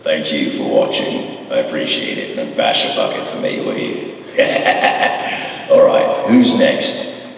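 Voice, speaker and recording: A middle-aged man speaks slowly in an extremely low, sing-song voice with vocal fry, over background noise. As a convention panel guest in a large hall, he tells enthusiastic, wandering Q&A stories heavy with fillers, picked up from far off amid echo.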